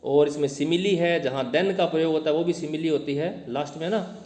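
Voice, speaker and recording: A man teaching a poem to his class, explaining each line in Hindi mixed with English terms and reading the verse slowly. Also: on the high side, a little mellow. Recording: echoey room, long reverb.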